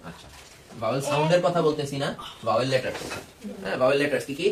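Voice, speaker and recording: A man's voice: medium pitch, racing. A strict man teaches a roomful of children, drilling each word again and again. He is caught from a distance, his voice echoing around the classroom. Children chatter steadily behind him. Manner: strict, drills pronunciation by repetition. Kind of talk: classroom English lesson. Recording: roomy classroom from far off.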